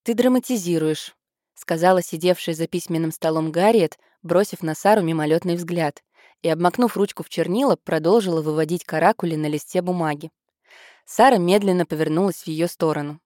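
A woman narrating a novel in a measured, even storytelling manner, close to the mic. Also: on the low side, no room sound. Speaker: audiobook narrator. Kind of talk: scripted narration.

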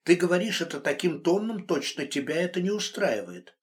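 A man's voice: high voice, sing-song, fairly quick, pitched above the performer's own voice. A man voicing a stern, worried man who scolds and comforts a friend brusquely. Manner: brusque, exasperated.

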